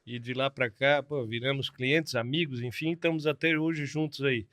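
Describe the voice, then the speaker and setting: A plastic surgeon in his fifties from Florianópolis, speaking with a southern Brazilian Portuguese accent, tells his story as a podcast guest in a laid-back, chatty way. His medium-pitched voice is steady and a bit bright, at a moderate pace.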